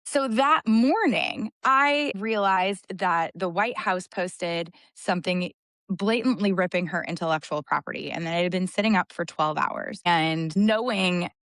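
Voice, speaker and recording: An impassioned woman talking on a podcast, her voice sitting low and her long sentences tumbling into each other. The sound is dry and close, with no room around it. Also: fairly bright tone, no echo. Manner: impassioned, rapid run-on storytelling. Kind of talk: casual podcast conversation.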